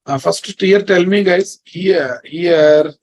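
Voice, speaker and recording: A male programming instructor lecturing with a Telugu Indian accent. His voice sits a little high for a man and he goes slowly, repeating phrases and checking that the class understands. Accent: Telugu Indian English. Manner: repetitive, often checks understanding with listeners.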